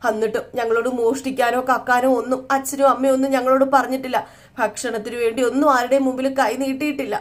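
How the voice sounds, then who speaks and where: A woman's voice: fairly high pitch, lightly acted. A woman voicing a young wife who pours out her hurt over her family's humiliation. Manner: aggrieved, tearful pleading.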